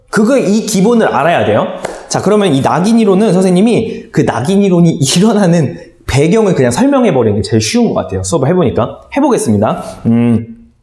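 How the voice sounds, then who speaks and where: Playful male teacher with a lively voice. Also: a little high. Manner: playful, animated, quizzes the viewers with questions. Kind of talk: online lecture with storytelling. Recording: echoey room.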